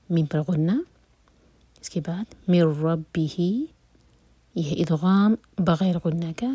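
A woman leads a patient recitation lesson in a mellow, slightly husky, lowish voice. She stretches the recited words out slowly, then explains in a soft half-whisper. The sound is close and dry, with no room around it. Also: no room sound. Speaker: Quran recitation teacher.

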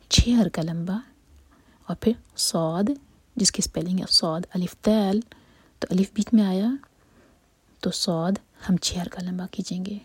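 A woman teaching Quran recitation in a steady whisper, explaining each step slowly and methodically and mixing English terms into her explanations. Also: on the low side, slightly rough, no room sound. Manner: whispers throughout, slow and methodical. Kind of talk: whispered tutorial.

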